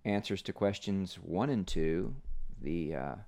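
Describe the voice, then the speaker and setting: A man's voice: deep voice, unhurried, gravelly, mellow. A man co-hosting a casual podcast, steering the conversation and setting up the next segment. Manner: steers the talk, sets up segments. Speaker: podcast co-host.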